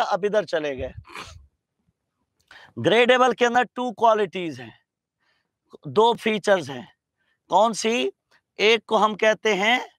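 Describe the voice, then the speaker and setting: A man's voice: high-pitched, a bit bright, dry recording, low-quality recording. A male teacher with a Pakistani accent, giving a classroom lecture and quizzing his students. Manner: slow, drawn-out English phrases with frequent quiz questions to students.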